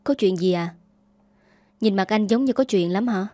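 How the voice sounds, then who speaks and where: Woman reading a gentle, soothing young mother. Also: medium pitch, normal speed, dry recording, close to an everyday voice.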